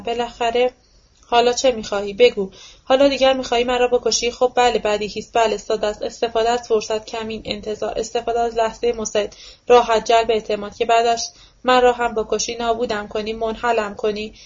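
A woman's voice: on the high side, level tone, dull audio, natural voice. A woman doing a theatrical older man raging. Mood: accusing. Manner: declamatory, accusing outbursts.

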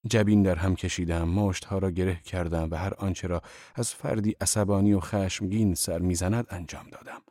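A man giving calm, measured scripted narration for an audiobook. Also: low voice, no echo, studio quality.

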